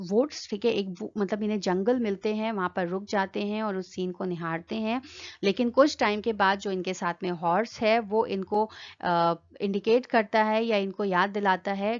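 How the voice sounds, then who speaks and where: A woman's voice: medium pitch, lo-fi sound. A woman teaching an exam-prep lesson, explaining step by step and often checking in with her listeners. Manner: explanatory, repeats "ठीक है" often. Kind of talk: exam-prep lecture in Hindi-English mix.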